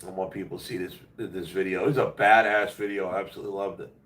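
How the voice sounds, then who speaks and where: Low, nasal man in an echoey room. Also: fairly even intonation, fast talker, fairly bright tone. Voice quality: nasal, congested voice. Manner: blunt, slangy, plain-spoken. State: under the weather, voice worn out. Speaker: live stream host. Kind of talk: casual rambling livestream chat. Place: at home, roomy-sounding indoor space. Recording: echoey room, distant mic.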